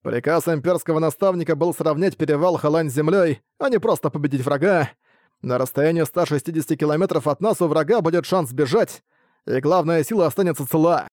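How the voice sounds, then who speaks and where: Guy doing a cool-headed sword master general, steady commanding orders, slightly high voice, dry close audiobook sound. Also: a little fast, no room sound, close to an everyday voice. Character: calm, calculating male sword hall master general. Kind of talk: audiobook character voice.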